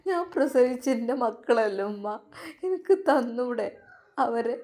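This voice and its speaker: Give me a woman as a heartbroken young mother, weeping and pleading, higher than usual, in a storybook tale. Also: animated, a little slow, darkish tone. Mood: tearful pleading. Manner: tearful, pleading. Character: grief-stricken young mother sobbing for her children.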